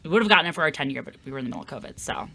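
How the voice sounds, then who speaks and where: Bright-voiced chatty woman comedian. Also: low-pitched, animated, very fast, vocal fry, slight background noise. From Philadelphia area. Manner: chatty, hesitant with many fillers and restarts. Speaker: comedian guest. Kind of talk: casual podcast chat.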